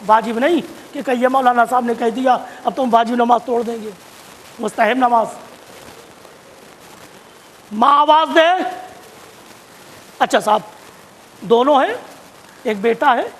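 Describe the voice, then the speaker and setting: A man preaching a sermon, repeating phrases for emphasis and rising to shouts at key points. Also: extremely high pitch, long pauses, slight background noise. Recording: long hall reverb.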